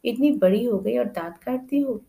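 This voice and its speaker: A woman's voice: on the high side, moderate pace, gravelly, warm tone, voice pushed up. A woman narrator voicing a good-humored young man who jokes and scolds lightly, in a storybook reading. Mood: joking. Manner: joking, easygoing.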